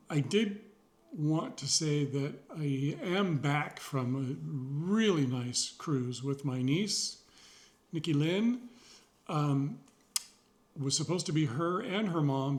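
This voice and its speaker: Reflective man rambling in a vlog. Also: a little high. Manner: rambling, pausing, many fillers; sincere, reflective, wry. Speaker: vlogger. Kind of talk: casual personal video journal.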